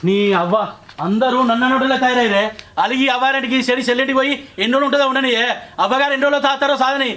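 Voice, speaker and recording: A man's voice: extremely high pitch, fairly even intonation, racing, pushed and bright, a little hiss or hum. A man with a Telangana accent playing an arrogant, drunken husband who taunts and boasts. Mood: scornful. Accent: Telangana Telugu. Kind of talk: short film drama acting.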